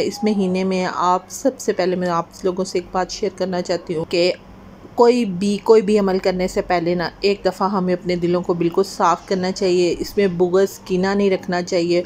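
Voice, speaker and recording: A middle-aged woman from Pakistan chats through her vlog in an earnest, friendly way and slips into gentle advice now and then. Her voice sits at an ordinary pitch for a woman. A faint hiss of noise runs under the recording. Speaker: vlogger. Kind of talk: casual vlog voice-over.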